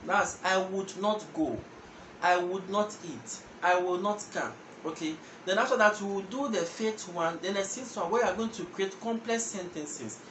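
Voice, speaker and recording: A young man with a Ghanaian accent, a language teacher who hosts his own channel, gives a casual lesson straight to camera, explaining step by step and repeating words. His voice is high and fairly bright at a moderate pace, recorded in an echoey indoor room with a patterned wall and background noise.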